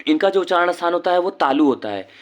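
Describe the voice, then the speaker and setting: A man teaching a lesson, explaining slowly and deliberately, drawing out each sound he pronounces. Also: high-pitched, animated.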